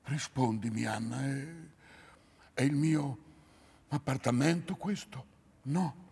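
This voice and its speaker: A man's voice: medium pitch, slow pace, creaky, mellow, husky, exaggerated voice. An actor on a theatre stage playing a confused, stubborn elderly father who talks insistently in bewildered bursts. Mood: uneasy, confused. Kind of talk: stage play acting.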